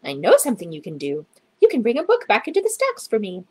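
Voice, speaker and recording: A woman's voice: mid-range voice, wildly swooping pitch, fast, darkish tone, husky. A woman voicing a prim, kindly but firm head librarian in a children's storybook, with exclamations in a raised voice. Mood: kindly, brisk. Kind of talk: storybook read-aloud character.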